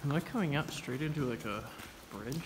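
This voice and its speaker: Walking a forest trail, this guy holds his phone at arm's length and keeps up a loose, casual vlog commentary in a brisk, medium-pitched voice. Outdoor noise surrounds him throughout the handheld recording.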